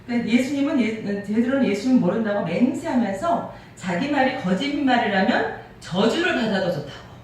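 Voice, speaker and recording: A middle-aged woman pastor from Seoul preaching a sermon in a church, crisp and clear-cut, posing questions to the congregation. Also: on the high side, animated, a little fast, a little mellow. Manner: crisp, clear-cut delivery with rhetorical questions and occasional laughs. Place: church sanctuary. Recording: echoey church hall, mic at a distance, faint noise.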